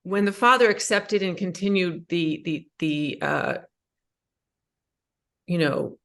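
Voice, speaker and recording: A woman's voice: lowish voice, takes it slowly, fairly bright tone. A middle-aged woman asks a personal question at a book talk, hesitant and full of fillers. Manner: hesitant, many fillers and restarts. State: emotional, voice rising. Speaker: audience member asking a question.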